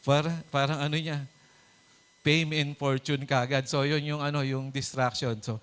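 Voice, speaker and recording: A pastor giving a conversational sermon, mixing Tagalog and English, chuckling often and checking in with the congregation with "di ba?" and "Amen?". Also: male voice, on the high side, little pitch movement, normal speed, a bit bright, smooth. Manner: chuckles often while preaching; hesitant, with many fillers and restarts.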